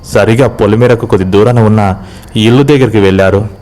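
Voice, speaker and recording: A man narrating a village horror story in a steady, measured way. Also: on the low side.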